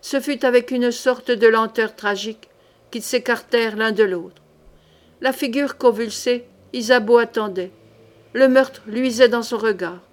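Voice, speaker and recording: Woman, audiobook reader, historical novel, measured dramatic narration, slightly high voice. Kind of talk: reading a historical novel aloud.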